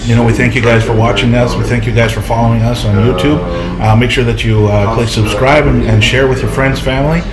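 A man's voice: medium pitch, fairly even intonation, brisk, reverberant, loud music behind the voice. A man in his forties co-hosting a casual breakfast review in a small cafe, talking into a phone camera with many ums and restarts. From Canada. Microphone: phone camera at arm's length.

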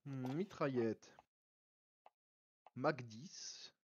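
A man's voice: mid-range voice, drawn-out words, dull audio, slight background noise. A man streaming a game on a headset mic, muttering his menu choices aloud in casual commentary. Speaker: streamer building a loadout.

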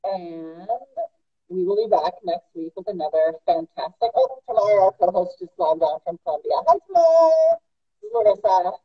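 A woman's voice: lowish voice, lively intonation, moderate pace, husky. A woman podcast host chatting casually over a video call, her voice garbled and underwater-sounding from a bad connection. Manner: chatty, friendly, hedging with fillers. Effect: garbled, underwater-sounding call audio. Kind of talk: casual interview chat. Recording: dull, lo-fi internet call.

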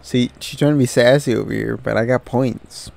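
A man's voice: mid-range voice, steady tone, normal speed, vocal fry, darkish tone. A man casually chatting and joking while playing a game on stream. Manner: laid-back, joking. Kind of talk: casual gameplay chat.

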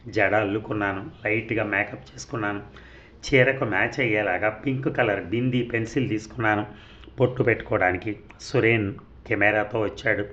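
A man narrating a serialized story in a calm, measured reading voice. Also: lowish voice, a little hiss or hum. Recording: dull lo-fi recording.

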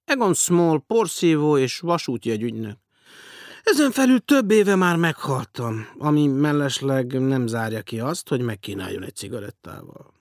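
A man's voice: medium pitch, very animated, no echo, voice pushed up. A man voicing a sardonic gray-haired self-declared dead man. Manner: dry, sarcastic, demanding. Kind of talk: audiobook character voice.

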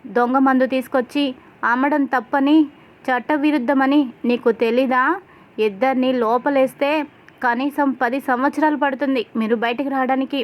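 A woman's voice: high-pitched, fairly even intonation, normal speed, close to an everyday voice. A woman reading the scolding, threatening lines of an arrogant male police officer in a retold story.

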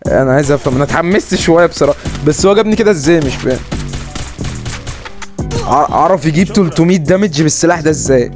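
A man with an Egyptian Arabic accent comments excitedly on his own shooter match, calling out to viewers as he plays. His voice sits a little high for a man. Game music and bursts of gunfire play loudly behind him. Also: quick pace. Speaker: gaming YouTuber. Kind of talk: live gameplay commentary.

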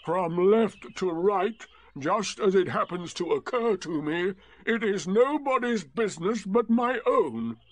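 A man voicing a gloomy, sarcastic old male donkey who speaks in dry, drawn-out remarks. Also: high voice, expressive, pitched above the performer's own voice. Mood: sardonic.

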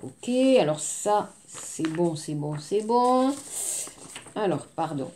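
A woman teaching a French lesson, drilling phrases slowly and repeatedly and switching between French and Korean. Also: sits low, animated, warm tone, a little hiss or hum. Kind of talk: language lesson.

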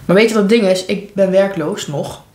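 A woman's voice: mid-range voice, fairly quick, a little mellow. Young woman chatting in an echoey room. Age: young adult. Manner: candid, informal, talking between bites. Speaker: vlogger. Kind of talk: casual chat while eating, mukbang vlog. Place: living room at home, indoors. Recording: echoey room, clear background noise.

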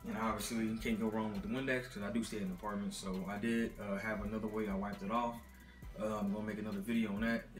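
This young Texan delivers his car care product rundown fast, with a fairly low pitch that barely moves, rambling in a relaxed, filler-heavy way. Music plays under him, and the laptop's built-in mic picks up the roomy sound of his dim apartment living room.

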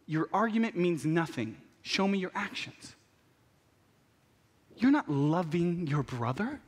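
A young man preaching a passionate, animated sermon from a church pulpit, acting out what people say. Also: high-pitched, slow, husky. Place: large church stage at a pulpit. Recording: long reverb of a large hall.

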